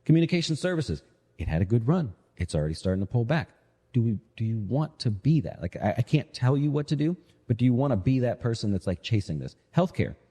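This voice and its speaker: Sing-song and fast, his mid-range voice has a dark, husky tone. He's an investment manager hosting a live financial show, offering relaxed, conversational market talk sprinkled with rhetorical check-ins. An echoey, hall-style reverb hangs on everything he says.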